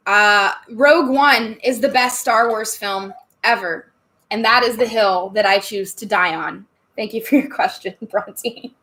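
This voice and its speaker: A woman's voice: mid-range voice, measured pace, sharp tone. A woman hosting a casual livestream, chatting with viewers and answering their questions with frequent laughter while sipping wine. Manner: giggly, chatty, laughs often between answers; sips wine on stream and jokes about getting tipsy. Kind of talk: casual live chat.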